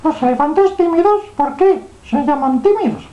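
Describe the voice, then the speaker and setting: Lady doing a tiny curious worried girl for a kids story, super high voice, dull roomy sound. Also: animated, moderate pace. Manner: childlike, inquisitive. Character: worried little girl searching for her missing mother. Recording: dull, echoey home room recording.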